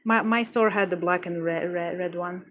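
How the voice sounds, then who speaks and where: A woman's voice: lowish voice, fairly even intonation, moderate pace, a bit bright, highs cut off, a little hiss or hum. A young adult woman livestreaming, chatting casually with her viewers in a gushing, exclamatory way, often stumbling and restarting her words. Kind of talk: casual chat with live viewers.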